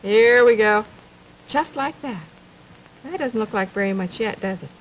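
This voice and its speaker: Woman, 1950s children's TV host, medium pitch, simple questioning phrases, gentle drawn-out sing-song, slightly noisy vintage recording. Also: muffled recording. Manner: slow, simple phrasing with frequent questions to the young listener. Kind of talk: instructional chat to young children, 1950s television presenting.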